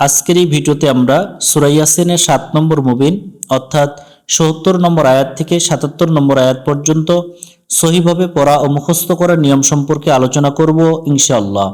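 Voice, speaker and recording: A man with a Bangladeshi Bengali accent teaching Quran recitation step by step, switching between drawn-out melodic chanting of verses and plain spoken pointers on how to say them. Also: on the high side, darkish tone. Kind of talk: slow step-by-step recitation lesson.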